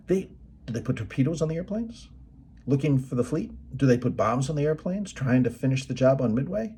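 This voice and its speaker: A man's voice: medium pitch, warm tone, slight background noise. A middle-aged man giving a motivational presentation, telling movie stories in a folksy way. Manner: folksy storytelling, quoting movie lines.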